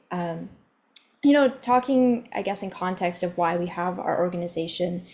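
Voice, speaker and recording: A woman's voice: on the low side, a little mellow. Woman hosting a video-call symposium. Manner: friendly, organized, scripted welcome with fillers. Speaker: event host. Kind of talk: online symposium moderation. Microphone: computer mic on a video call.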